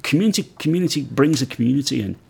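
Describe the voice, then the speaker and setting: A man hosting a casual chat, talking haltingly with many restarts and repeated words. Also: medium pitch, lively intonation, gravelly, darkish tone, breathy edge.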